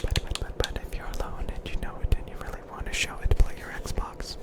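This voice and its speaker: A man whispering a rambling ASMR monologue close into the ear, repeating his phrases. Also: fast. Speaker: ASMR channel host. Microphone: close ASMR microphone.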